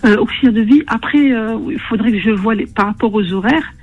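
A woman's voice: on the high side, brisk, soft background music. A woman calling in to a radio show and speaking casually, her voice coming through on muffled call audio.

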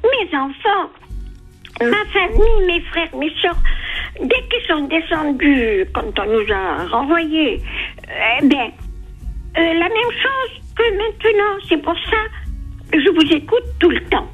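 A woman's voice: extremely high pitch, expressive, takes it slowly, soft background music. A woman in her eighties with an Algerian pied-noir accent, calling in to a radio show and telling her story hesitantly and with emotion. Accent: Algerian pied-noir French. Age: 80s. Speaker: caller. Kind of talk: phone-in chat. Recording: dull phone-in line.

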